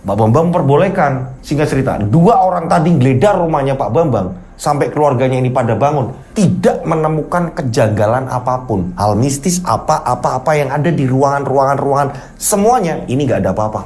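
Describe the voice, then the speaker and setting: A man narrating a mystery story in a lively, conversational way, acting out the characters as he goes. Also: mid-range voice, a little fast, hardly any pauses.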